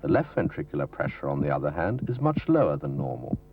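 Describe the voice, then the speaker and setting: A husky, very low male voice narrates an instructional medical film, formal and didactic, in scripted educational style. His measured delivery ranges lively in pitch, and the dull, lo-fi sound resembles a 1970s film soundtrack dubbed from videotape.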